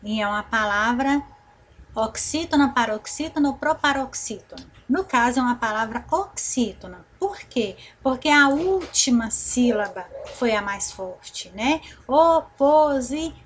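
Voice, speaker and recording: Brazilian woman as a patient schoolteacher, a touch high, stretches syllables, faint hiss behind. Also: expressive, fairly bright tone. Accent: Brazilian Portuguese. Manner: slow, drawn-out repetition of syllables, frequent "né?" and "tá certo?" check-ins. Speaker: teacher. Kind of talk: recorded online grammar lesson.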